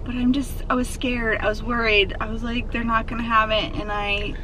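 A woman's voice: on the high side, little pitch movement, normal speed, pushed and bright, a little hiss or hum, poor audio. A woman in her thirties chatting casually as a vlogger, bubbly and easily distracted while shopping. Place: car, then busy store. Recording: crowd chatter behind.

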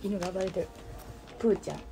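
A woman's voice: fairly low pitch, fairly even intonation, fast, creaky, noisy background. A young woman with a Kansai Japanese accent hosting a casual livestream, chatting and answering viewer comments. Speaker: livestream host.

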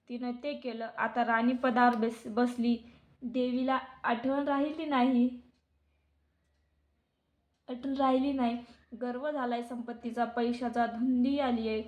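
A woman voicing an angry poor old woman, a goddess in disguise, speaking softly and bitterly as she scolds. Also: on the high side, close to an everyday voice. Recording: dull lo-fi recording.

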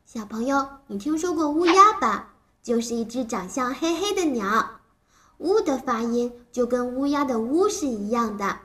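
A woman's voice: a little high, animated, moderate pace, fairly bright tone. A woman voicing a cheerful, child-like little cartoon creature who teaches phonics, talking simply and encouragingly as if reading to a toddler. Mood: playful, teaching. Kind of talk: animated lesson for small children.

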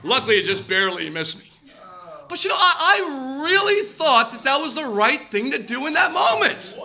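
A man in his thirties preaching a sermon through personal stories, animated and acting out quoted voices. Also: very high voice, normal speed, gravelly. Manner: animated, acts out quoted voices, shouts for effect. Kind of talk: storytelling sermon.

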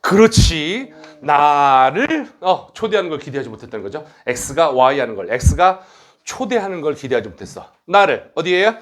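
A middle-aged man directing his academy and teaching a grammar lecture, brisk and blunt, teasing his students and tagging on quick questions. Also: a little high, sing-song.

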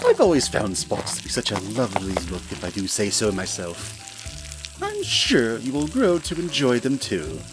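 With background music behind him, a man with a medium-pitched voice voices a gloating hyena mad scientist in a hobby audio play, his pitch swinging hugely at a normal speed. The smug villain narrates to the listener in a silky, condescending, theatrical way, with many chuckles, in a low-quality recording.

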